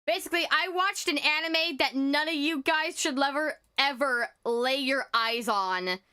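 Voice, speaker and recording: A woman streamer chatting casually, rambling and stuttering nervously through an animated rant. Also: sits high, unhurried.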